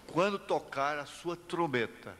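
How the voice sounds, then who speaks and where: An older man with a Brazilian accent delivers a sermon in a slow, measured cadence, his fairly high voice climbing into fervent exclamations. The recording carries a long church-hall reverb and a faint background hiss. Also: animated, a bit bright. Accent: Brazilian Portuguese. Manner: impassioned preaching, rising to exclamations, slow deliberate phrasing. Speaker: pastor.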